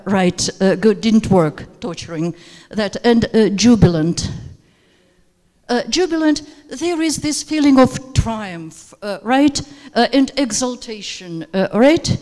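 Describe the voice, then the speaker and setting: Her voice leans high and has a warm tone. Leading a teacher workshop as a trainer, this native Russian speaker delivers her lecture hesitantly with many fillers. The recording comes from a handheld mic in a seminar room and includes hall reverb.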